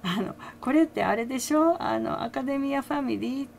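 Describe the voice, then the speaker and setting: A woman's voice: high voice, lively intonation, a little fast, vocal fry, a little mellow, slight background noise. An older woman chatting casually as a fan commentator, laughing often between her remarks, with many fillers. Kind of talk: casual chat.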